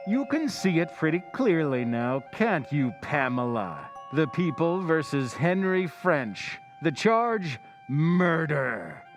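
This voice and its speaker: An actor playing the Whistler, a knowing radio-drama narrator who speaks straight to the listener's character in a slow, insinuating way. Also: male voice, a little high, very animated, music in the background. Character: male Whistler narrator, ominous, knowing, taunting.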